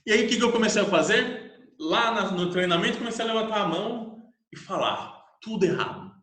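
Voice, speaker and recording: A young Brazilian man, an English teacher, telling a lively self-mocking personal story in casual Portuguese. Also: high voice, brisk. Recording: echoey room.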